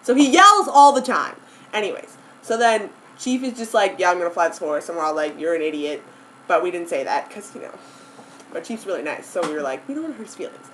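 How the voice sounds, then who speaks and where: Young woman, animated and giggly storyteller, keeps losing her thread; filmed indoors on camera among friends. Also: mid-range voice, a little fast, a little hiss or hum, rough recording. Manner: giggly, easily sidetracked, lots of "like" and "anyways". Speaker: vlogger. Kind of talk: casual rambling story to a friend.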